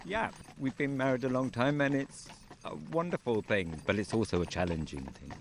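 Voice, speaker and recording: A man raised in Wales, a farmer and beekeeper, speaks at a medium pitch and moderate pace. He's being interviewed outdoors on his farm while riding in a horse-drawn carriage, chatting about the place in a relaxed, easygoing way with dry humour. Faint outdoor noise can be heard, with geese close by.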